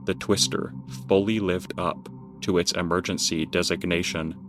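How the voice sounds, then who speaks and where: A man giving scripted documentary narration as the narrator. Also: deep voice. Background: music.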